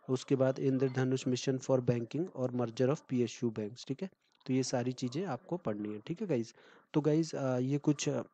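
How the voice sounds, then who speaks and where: A man's voice: medium pitch, dark tone, no room sound, rough recording. A man tutoring exam candidates in a casual, chatty lecture, full of fillers and frequent "okay" check-ins.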